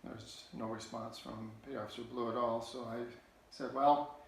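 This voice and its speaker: A man telling a personal childhood story in a halting, earnest way, often restarting his sentences. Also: mid-range voice, flat delivery, gravelly, a little hiss or hum. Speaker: political candidate. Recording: very echoey room.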